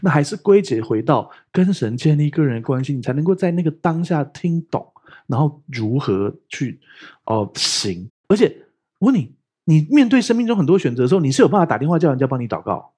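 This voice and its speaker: A man's voice: fairly high pitch, brisk, husky. A male pastor, preaching a sermon in a playful, joking way. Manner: playful, joking, animated storytelling. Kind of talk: lively sermon teaching.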